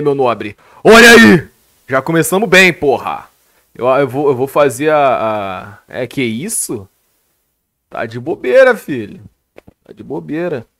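A young Brazilian man with a Brazilian Portuguese accent tells a story on a live stream in a casual rant, swearing constantly and talking animatedly into a headset. His voice is fairly high and fairly bright, recorded dry and at studio quality.

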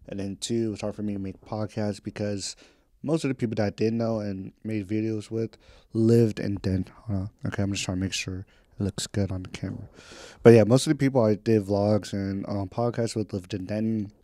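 Talking from home in a casual catch-up podcast, this twenty-something vlogger is candid and rambly, hopping topics with slang and an occasional curse word. He speaks a little fast in a low, warm, steady tone. It's studio quality with no echo.

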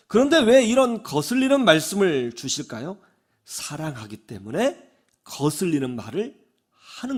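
A male pastor with a fairly high-sitting voice preaches a sermon in an animated way, often putting questions to his congregation.

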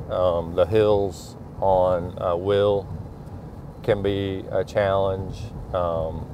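A man with a low, somewhat mellow voice, a middle-aged school superintendent, talks casually while behind the wheel of his truck at night. He thinks aloud and uses many fillers, with faint road and engine noise in the background.

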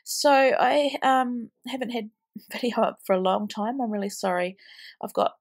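Stuffy-nosed from a cold, this scrapbooking vlogger, a woman in her thirties who is heavily pregnant and worn out, chats casually through a craft voice-over. She speaks at a moderate pace in a voice on the high side, rambling and peppering her talk with ums.

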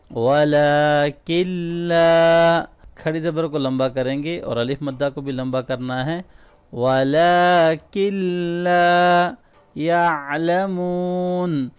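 A man teaching Quran recitation. He explains each rule quickly, then recites the words slowly and drawn out. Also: medium pitch, darkish tone. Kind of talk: tajweed lesson, quick explanations between slow recitation.

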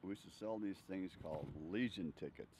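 An older man's deep voice moves a little fast as he spins rambling, chuckle-filled tales of his life. The casual storytelling is recorded outdoors on a bench via a handheld furry-windscreen mic near his chest, leaving the sound slightly dull beneath faint outdoor noise.

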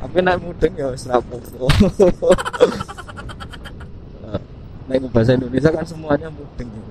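A motovlogger with a Central Javanese accent rides a motorbike on country roads, joking and chatting to himself and laughing often in casual vlog talk. His fairly high voice swings widely in pitch at a measured pace. The rough recording carries crowd noise plus loud wind and engine noise.

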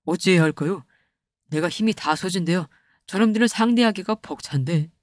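A woman's voice: lowish voice, a little fast, no echo, clean studio sound, close to an everyday voice. A woman voicing a worn-out male hero who frets in old-fashioned speech, in a comic animation. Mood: fretful. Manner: fretful, archaic speech.

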